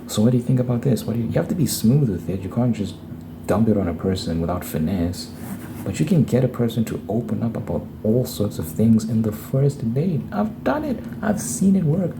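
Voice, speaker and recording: A man giving casual, opinionated relationship advice in a rambling monologue, repeating phrases for emphasis. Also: on the low side. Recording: clear background noise.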